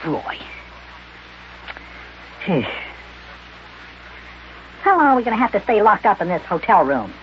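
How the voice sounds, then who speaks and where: A man's voice: high-pitched, very animated, unhurried, long pauses, voice pushed up. A man voicing a small, peevish, childlike boy elf in an old children's radio serial. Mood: bored, impatient. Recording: dull, noisy old radio recording.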